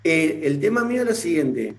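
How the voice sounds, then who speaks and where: A man calls in over a video call whose audio keeps cutting out, and his pitch sits slightly high. He is halting, searches for words and repeats himself often. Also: very animated. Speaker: caller. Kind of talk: caller on a live stream. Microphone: video call with breaking-up audio.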